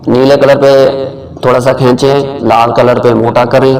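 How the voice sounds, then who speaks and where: A man teaching Quran recitation, chanting verses slowly in a melodic voice, then explaining the rules in quick, plain speech. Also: medium pitch, level tone, a little mellow, recorded from a distance, poor audio. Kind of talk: word-by-word recitation lesson.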